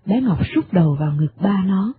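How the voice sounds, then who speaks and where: A woman's voice: medium pitch, normal speed, breathy edge. A woman narrating a radio drama expressively, over a tinny medium-wave broadcast. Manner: expressive storytelling.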